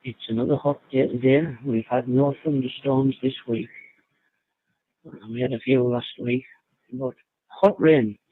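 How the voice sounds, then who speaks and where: A man calling in to an amateur radio net from a holiday hotel room through a phone link, chatting in a relaxed way and signing off with call signs over a tinny radio channel. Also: mid-range voice, measured pace, slightly rough, no room sound. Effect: tinny amateur radio link, narrow band. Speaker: ham radio net caller. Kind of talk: casual radio check-in chat. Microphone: phone over internet radio link.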